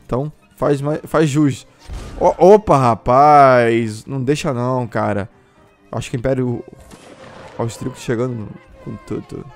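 A young man with a Brazilian accent giving excited gameplay commentary, often breaking into shouts while he chats to his viewers. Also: medium pitch, unhurried. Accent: Brazilian Portuguese. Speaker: gameplay streamer. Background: faint classical music from the game.

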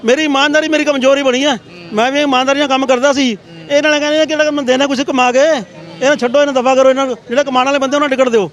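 A man's voice: very high-pitched, level tone, rapid-fire, highs cut off. A middle-aged man, a party volunteer, ranting angrily and defiantly in a street interview outdoors.

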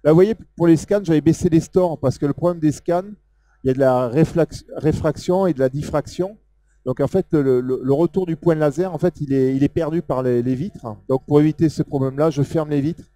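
A man with a Southern French accent walks an audience through a software demo in a loose, filler-heavy way. His voice sits a little high for a man but sounds dark and mellow. The sound is dry and close. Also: fairly quick, no echo. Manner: casual, hesitant, many fillers, pointing things out. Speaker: software presenter. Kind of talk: live technical demo talk.

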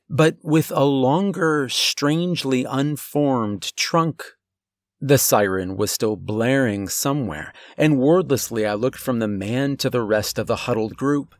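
A man reading a first-person horror story in a steady, measured way, pausing tensely between phrases. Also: medium pitch. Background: faint eerie music.

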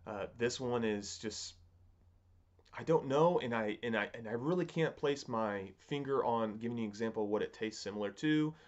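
A man in his thirties giving a casual, unscripted review in a halting, musing way, often rephrasing himself, recorded at a desk in a home study. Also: medium pitch, dull audio. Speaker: pipe tobacco reviewer.

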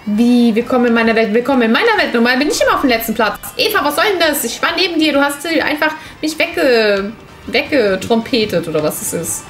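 A woman's voice: fairly high pitch, lively intonation, quick pace, a bit bright. A woman streaming a racing game, exclaiming often and talking straight to her chat. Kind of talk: casual gaming stream chat. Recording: roomy room with game music behind.

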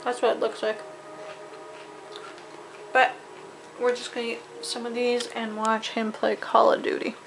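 Young woman, casual vlog chat, slightly high voice, noisy camera sound. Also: monotone, measured pace, vocal fry, long pauses. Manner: chatty, laughing easily, talks to the camera. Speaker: vlogger. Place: home and car. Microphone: handheld compact camera. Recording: noisy handheld camera audio.

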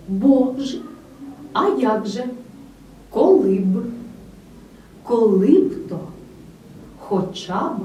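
A woman giving a scripted grammar lesson, speaking clearly and with emphasis straight to the student. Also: medium pitch, mellow. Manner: clear, emphatic teacher's delivery addressing the student directly. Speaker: language teacher. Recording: roomy, slightly distant with faint noise.

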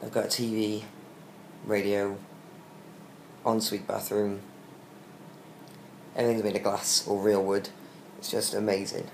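Weak, tired British man, low gravelly voice. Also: level tone, unhurried, long pauses. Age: young adult. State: weak and tired after surgery, short of breath. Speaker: vlogger giving a recovery update. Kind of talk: casual video diary. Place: small hospital room, lying in bed. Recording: roomy echo with faint background hiss.

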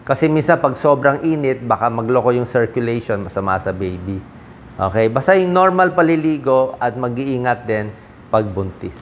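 Man, middle-aged, from the Philippines, doctor, casual health talk, conversational, mid-pitched voice, English medical terms mixed in, frequent tag questions. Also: expressive, normal speed, slight background noise. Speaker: doctor giving health advice.

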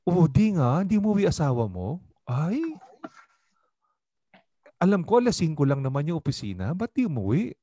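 A man's voice: a little high, sing-song, moderate pace, pauses often, warm tone, dry recording, pitched above the performer's own voice. A Filipino man voicing a nosy friend who plants doubt with feigned concern. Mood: insinuating.

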